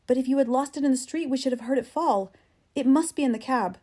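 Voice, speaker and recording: A woman narrator plays a worried husband in an audiobook story, a practical clerk. The accent is standard American and the tone is mellow. He speaks with urgent insistence. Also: high voice, fast talker, voice pushed up. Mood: urgent questioning. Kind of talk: audiobook character dialogue.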